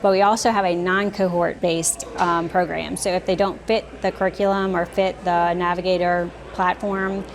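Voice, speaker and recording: A woman leading a startup program, giving interview answers in a steady way with frequent ums. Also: lowish voice, moderate pace, hardly any pauses, slight background noise. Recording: crowd chatter behind. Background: crowd.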